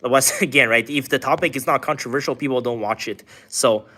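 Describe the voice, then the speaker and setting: A man from China hosts a casual livestream in a mid-range voice, a little fast, bright and forceful. He reads questions from chat and rambles through answers, full of filler words and many "like"s.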